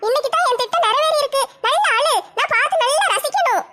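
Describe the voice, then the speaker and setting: A woman's voice: very high voice, expressive, fast, pushed and bright, pitched above the performer's own voice, heavily acted. A woman voicing a scheming, gossipy village woman, talking in a gloating sing-song.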